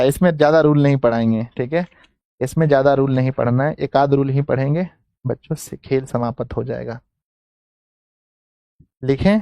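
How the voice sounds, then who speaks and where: A man with a Bihari Hindi accent teaches an exam-prep grammar class online, dictating each phrase slowly and saying it again and again. His voice is mellow and dry, close to the mic. He keeps coaxing his students along. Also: mid-range voice, no room sound. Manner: coaxing, calls students "my children".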